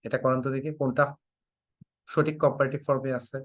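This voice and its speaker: A man's voice: medium pitch, little pitch movement, quick pace, no echo, studio quality. Bangladeshi man teaching English grammar. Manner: quizzing students, repeats prompts to type answers; joking mock threats. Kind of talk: online class lecture.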